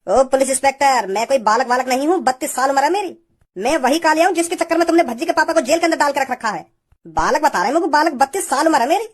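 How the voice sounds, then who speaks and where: A woman's voice: high-pitched, lively intonation, fast talker. A woman voicing a tiny, brash grown man in a cartoon, who tells long boastful stories. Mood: cocky. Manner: boastful rambling storyteller, brash. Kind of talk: cartoon voice acting.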